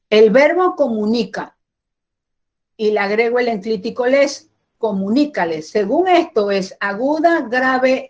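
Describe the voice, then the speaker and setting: Woman, slightly high voice, slow and methodical classroom explainer. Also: darkish tone. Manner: explains step by step, repeats key points. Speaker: Spanish teacher. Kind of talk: classroom grammar lesson.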